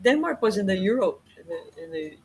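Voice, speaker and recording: A man's voice: high voice, big pitch swings, fairly quick, a little mellow, a little hiss or hum, low-quality recording. A man co-hosting a casual interview, stumbling and repeating words as he asks questions. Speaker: podcast co-host.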